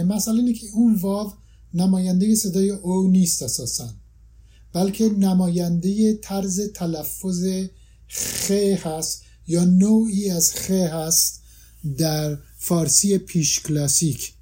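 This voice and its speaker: A man talks through points of language like a patient teacher, with a dark, mellow voice. His tone is husky and a little breathy. He pauses often and restarts phrases as he works each idea through. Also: high voice. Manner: careful, lecturing, with pauses and restarts. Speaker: language scholar. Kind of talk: explanatory discussion.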